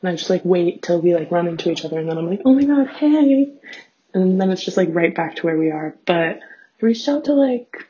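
A young adult woman with a raspy voice and vocal fry, chatting casually in a rambling, self-deprecating solo diary full of fillers. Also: on the low side, fast, mellow, a little hiss or hum. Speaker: host of a personal audio diary. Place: small bathroom at home, sitting on floor. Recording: dull, lo-fi home recording.

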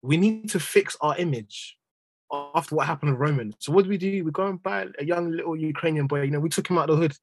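Young London male, urban slang, exasperated football banter, husky edge, slightly high-pitched, dry close sound. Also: fast, dry recording. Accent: London, urban street slang style. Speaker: football podcast panellist, Chelsea fan.

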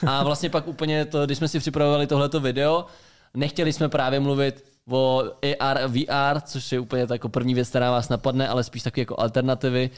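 A young man co-hosting a casual tech podcast, relaxed and chatty, trailing off into fillers and restarts. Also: medium pitch, clear, resonant tone. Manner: relaxed, many fillers and restarts, quick reactions. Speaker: podcast co-host.

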